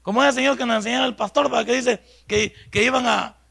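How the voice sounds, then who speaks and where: This is a pastor in his fifties with a high, gravelly voice. His tone is bright and pointed. He preaches in a conversational way, asks rhetorical questions and acts out prayers and talks with his children. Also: steady tone, quick pace. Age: 50s. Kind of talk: Bible study sermon.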